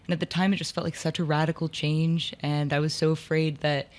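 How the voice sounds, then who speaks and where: A woman in her twenties with a low voice tells anecdotes about her life in theater during a casual interview. She talks in a chatty, lively way and scatters "like" through her sentences. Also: brisk. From upstate New York. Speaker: theater actor and lighting designer, guest.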